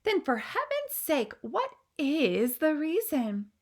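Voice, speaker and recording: Reading a storybook aloud, a woman plays a grand elderly queen prone to alarm, with refined, posh, exclamatory lines and an alarmed yet refined mood. Her exaggerated voice sits high above her own, swings hugely in pitch, and takes it slowly.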